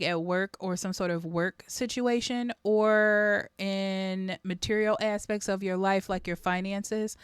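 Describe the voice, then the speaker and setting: A woman's voice: on the low side, smooth, no room sound, clean studio sound. A woman reading tarot cards for her viewers, talking straight to them in a reflective way with frequent ums. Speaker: tarot reader. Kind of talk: casual tarot reading to camera.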